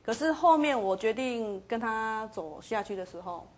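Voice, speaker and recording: A woman guest with a Taiwanese Mandarin accent, telling her own story in a soft, hesitant way. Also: a little high, expressive, moderate pace. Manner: soft-spoken, hesitant, mixes in Taiwanese phrases. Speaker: interview guest. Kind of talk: personal story in an interview.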